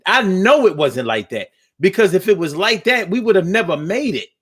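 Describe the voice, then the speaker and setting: A fifty-year-old man hosting a call-in talk show. His voice sits a little high for a man, and he speaks with fervor, doubling back on words as he drives his argument home. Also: big pitch swings, moderate pace, a bit bright, husky. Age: 50s. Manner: impassioned, repeats words when building a point.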